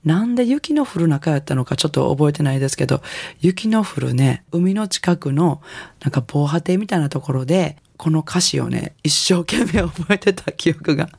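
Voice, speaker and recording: A middle-aged woman with a Kansai accent, a singer hosting a radio music show in a relaxed, chatty, rambling way. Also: deep voice, moderate pace, vocal fry, husky, dry recording. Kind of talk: casual radio DJ talk.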